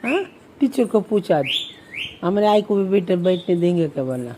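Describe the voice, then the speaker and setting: A young woman, a mother, chatting playfully with her little daughter, teasing her with lots of quick questions. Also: on the low side, very animated, noisy background.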